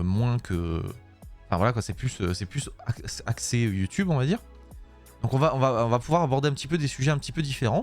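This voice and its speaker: Hoarse French streamer man chatting. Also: mid-range voice. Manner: rambling, swears at his software, frequent fillers and laughs. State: hoarse, voice worn out. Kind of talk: casual live-stream chat.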